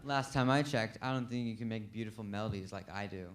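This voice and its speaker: A man's voice: fairly low pitch, quick pace, a little hiss or hum, close to an everyday voice. A young man doing a boastful piano gadget. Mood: scornful. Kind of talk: student stage skit.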